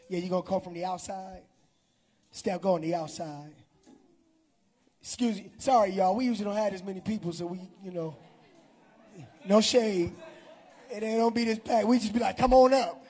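A middle-aged man speaking, a pastor leading a prayer and offering announcements in a large church hall on a handheld mic, animated and shouting to the congregation. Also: sits high, breathy edge.

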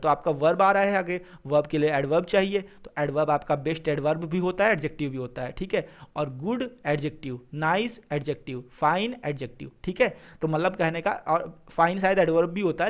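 A male teacher who explains exam answers, reading English sentences slowly and then explaining them quickly. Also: a little high. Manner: mixes English phrases into explanations, repeats "ठीक है".

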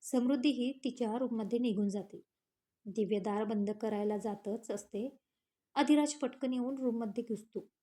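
Storyteller: a woman with a high, mellow voice reads a family romance aloud and voices the dialogue lightly. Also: moderate pace.

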